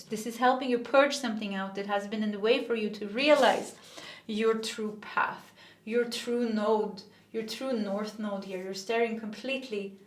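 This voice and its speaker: A woman's voice: mid-range voice, fairly bright tone. Tarot reader, woman from Sweden, earnest and rambling, recorded in a room with echo. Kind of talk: casual spiritual reading.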